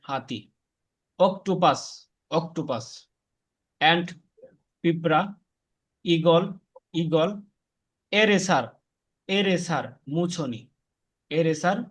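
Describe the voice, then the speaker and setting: A man's voice: fairly high pitch, fairly bright tone. A man teaching an online spoken English class, patiently saying each word and its meaning for his students. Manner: patient, repeats words slowly for students.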